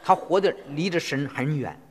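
A man interpreting a sermon phrase by phrase in an animated way. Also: fairly high pitch, normal speed, slightly rough. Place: church hall. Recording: long reverb of a church hall.

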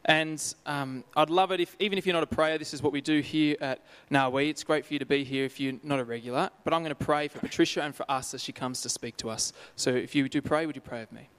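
A man's voice: on the high side, steady tone, fast, hardly any pauses, fairly bright tone, clear, resonant tone, no echo. A man hosting a church event, introducing the speaker in an upbeat, welcoming way and leading a prayer. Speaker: host.

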